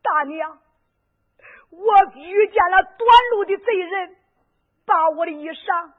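A desperate young man begs and implores for help, as a woman storyteller voices him. The voice sits very high and comes through a thin, lo-fi radio sound. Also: slow pace. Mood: pleading. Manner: pleading, imploring. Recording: narrow lo-fi radio recording.

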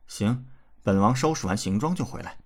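A man voicing a sly, smug young prince who talks his way out of trouble in a glib, wheedling way, his voice husky and lively. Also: fairly low pitch, normal speed.

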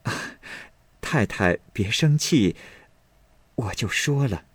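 A man voicing a gentle, careful young female maid in a storybook reading, speaking softly and deferentially. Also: on the low side, lively intonation, takes it slowly, breathy edge, no echo, heavily acted.

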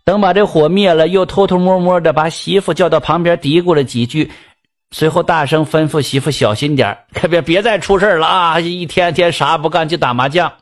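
A man's voice: fairly high pitch, fairly quick. A male storyteller with a Northeastern Mandarin accent, telling a folk tale in a chatty, folksy way with asides to the listener.

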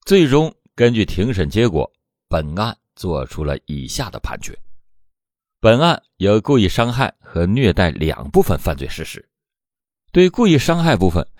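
Deep, dramatic true crime storyteller man. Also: a little mellow, dry recording, clean studio sound. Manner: dramatic, swooping emphasis on phrase openings. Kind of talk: scripted true crime narration.

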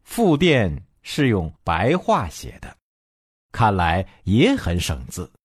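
A calm, soft-spoken male professor, read by a man, his voice lowered and unhurried as he patiently explains. The tone is husky, and the sound is close and dry. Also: dry recording, full character voice.

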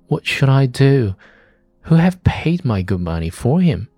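A man's voice: medium pitch, sing-song, unhurried, mellow, dry recording, soft background music, pitched above the performer's own voice. A man voicing a practical old farmer who talks bluntly and plainly.

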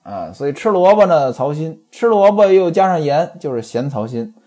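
A man's voice: on the high side, big pitch swings, moderate pace, warm tone. A man retelling and commenting on a classic novel in a chatty way, often turning to speak straight to his listeners. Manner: chatty, addresses listeners directly. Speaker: storyteller and commentator.

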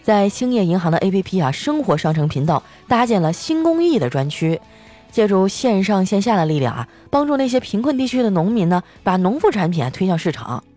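Young woman host, chatty comic storyteller, very lively pitch, faint music behind. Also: brisk. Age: young adult. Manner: animated, self-mocking, chatty. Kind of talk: comic storytelling monologue with ad reads.

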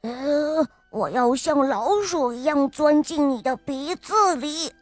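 A woman voicing a little boy frog who pretends to be a scary monster, with gruff mock-threatening growls. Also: high-pitched, animated, takes it slowly, dry recording. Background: faint music.

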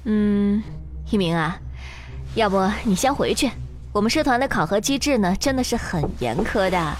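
A woman's voice: mid-range voice, animated, moderate pace, close to an everyday voice. A woman voicing a sadistic female lab examiner who coaxes like a big sister, then shrieks orders, in an audio drama with faint music. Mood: coaxing. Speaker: examiner Teacher Zhou.

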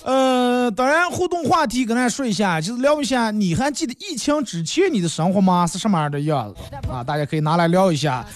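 Lively, high-pitched chatty man. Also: fast talker. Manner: chatty, laughs often, lively storytelling. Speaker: radio host. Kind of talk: casual comic chat reading listener jokes.

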